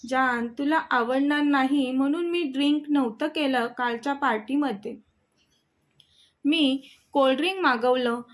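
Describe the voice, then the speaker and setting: A woman voicing a loving young husband who pleads earnestly in a low voice.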